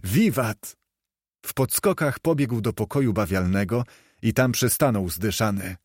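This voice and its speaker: A man reading an audiobook aloud in a lively, expressive way. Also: lowish voice, moderate pace, dry recording, clean studio sound. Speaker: audiobook narrator. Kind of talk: scripted narration.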